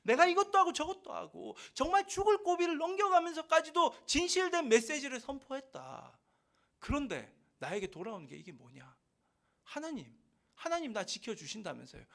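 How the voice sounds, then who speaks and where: A man's voice: extremely high pitch, huge pitch swings, a little fast, vocal fry, a bit bright, exaggerated voice. A man voicing an anguished male prophet who pleads and accuses God in an emotional outpouring, over a video call. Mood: anguished protest.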